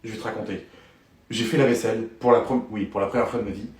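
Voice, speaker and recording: A man's voice: lowish voice, steady tone, fast talker, a little mellow, reverberant. A man performing comedy sketches, pleading and whining as he talks. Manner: whiny, pleading.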